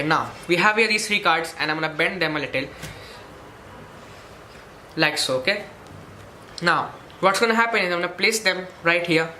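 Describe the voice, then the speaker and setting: A magic tutorial presenter with a medium-pitched, pushed, bright voice walks through a card trick step by step, often checking in with "okay." The recording has a roomy echo, faint music, and a little hiss or hum.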